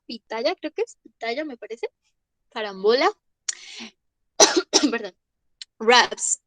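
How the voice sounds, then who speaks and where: A young woman, teaching an English vocabulary class online. She goes slowly, says each word twice and checks in with the class. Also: fairly high pitch, a bit bright, dry recording. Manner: slow, repeats each word and asks "¿listo?".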